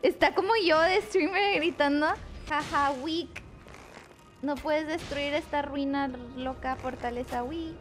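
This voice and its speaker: A woman's voice: high-pitched, measured pace, slight background noise. A woman streaming a video game, chatting playfully and mixing English words into her Spanish. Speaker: gaming streamer. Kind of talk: casual gameplay commentary.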